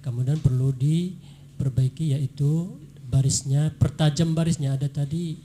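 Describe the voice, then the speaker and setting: A man with a slightly high but very mellow, dark-toned voice judges a recitation contest. He corrects a child's pronunciation point by point and repeats the sounds slowly. A faint hiss runs under the recording. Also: steady tone. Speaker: competition judge. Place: radio studio.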